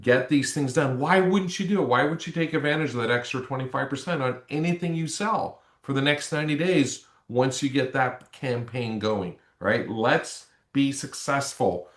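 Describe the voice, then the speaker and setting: A man's voice: medium pitch, normal speed, few pauses. Rallying Canadian man in a roomy room. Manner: upbeat, rallying, short exhortations. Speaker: webinar co-presenter, sales executive. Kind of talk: motivational webinar wrap-up.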